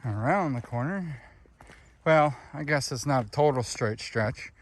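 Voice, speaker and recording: A man's voice: mid-range voice, lively intonation, measured pace. A young man walking outdoors up a hilly rural road, out of breath and chatting casually to viewers as he films himself. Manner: chatty, addresses viewers as friends and dudes. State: out of breath, winded. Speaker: vlogger. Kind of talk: casual walking vlog narration.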